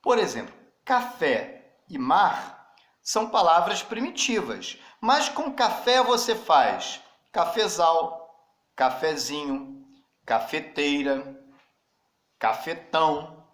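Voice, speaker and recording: A male teacher. He gives a slow, deliberate grammar lesson, spells out letters and speaks straight to his students. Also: on the high side, very animated, a bit bright. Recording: roomy echo.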